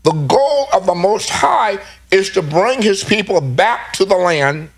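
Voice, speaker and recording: A man with a fairly high voice teaches scripture. He is emphatic and repeats phrases as he reads verses aloud and then explains them. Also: animated, a little slow. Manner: emphatic, repeats himself while reading verses.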